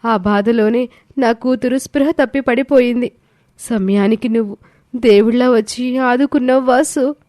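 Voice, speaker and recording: A woman's voice: a little high, normal speed, warm tone, no room sound, studio quality, natural voice. A woman voicing a suffering young mother. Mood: pleading. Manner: pleading, sorrowful. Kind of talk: storybook voice acting.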